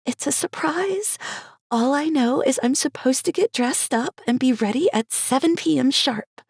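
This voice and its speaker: A woman voicing a perky, excitable woman in her late twenties with a gushing, bubbly manner, as a cozy mystery audiobook character. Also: sits high, normal speed, creaky, dry recording, clean studio sound, pitched above the performer's own voice. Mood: excited.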